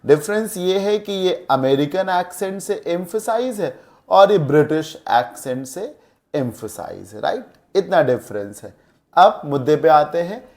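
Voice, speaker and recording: A man teaches a grammar lesson. He speaks slowly and deliberately, and his pitch rises and falls a great deal as he stresses each key word. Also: expressive, darkish tone. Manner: explains slowly in mixed Hindi and English, stressing words. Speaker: English teacher.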